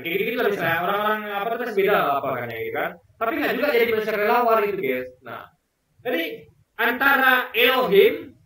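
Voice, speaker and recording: A man's voice: high voice, bright, forceful tone, very echoey, distant mic. A man talking casually as a video commentator, rambling and repeating words while he searches for examples. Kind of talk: casual commentary on a debate clip.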